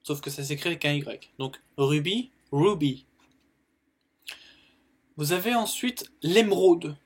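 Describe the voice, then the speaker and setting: A man's voice: a little high, animated, slightly rough. A French-speaking man teaching colour words in a casual video lesson, repeating each word and using plenty of fillers. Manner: explains slowly, repeats words, many fillers. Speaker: YouTube English teacher.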